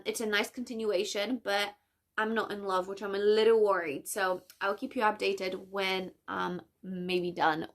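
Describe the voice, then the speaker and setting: A woman's voice: mid-range voice, fairly bright tone. A young woman talking casually in a reading vlog at home, chatty and emotional, laughing often. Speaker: book vlogger. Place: at home, raining outside.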